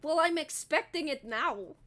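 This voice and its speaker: A woman's voice: high voice, lively intonation, unhurried, fairly bright tone. A woman voicing a vain, defensive male bard who protests in a flustered way during a tabletop game. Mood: indignant.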